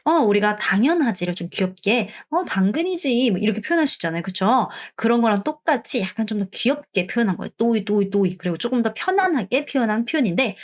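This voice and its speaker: A middle-aged woman from Korea teaching an online language lesson. She explains each point, then says the words slowly and repeats them for learners. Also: mid-range voice, animated.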